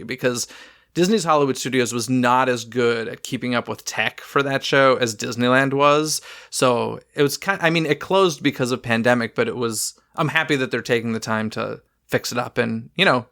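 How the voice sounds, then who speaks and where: A chatty man co-hosting a relaxed podcast, tossing in quick asides and laughing easily. His voice sits at an ordinary middle pitch for a man, with nothing unusual in its tone. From Southern California. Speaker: podcast co-host. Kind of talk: casual podcast chat.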